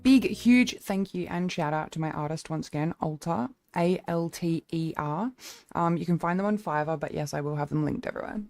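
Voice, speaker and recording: Young woman chatting on stream, kinda low voice, swears a lot, rambles. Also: brisk, darkish tone, no echo. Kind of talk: casual stream chat.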